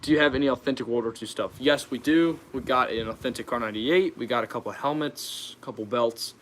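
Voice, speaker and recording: A man's voice: medium pitch, quick pace, a bit bright, slight background noise. A young American man hosting a casual livestream Q&A, informal and hesitant, reading questions out and answering them off the cuff. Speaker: YouTube channel host.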